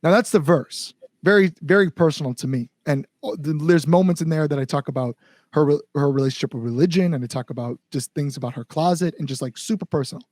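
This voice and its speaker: This man, a band frontman and songwriter, chats casually as a guest on a podcast interview. His voice is a little high and a little mellow, and he talks fast, earnest and rambling, repeating words for emphasis. The studio-quality recording has no echo.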